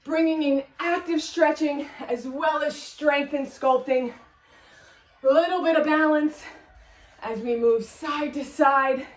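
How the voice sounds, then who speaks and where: A woman's voice: sits high, slow pace, reverberant, far from the mic, faint music behind. A woman fitness instructor leading a workout class, upbeat as she counts reps and cues form while exercising along.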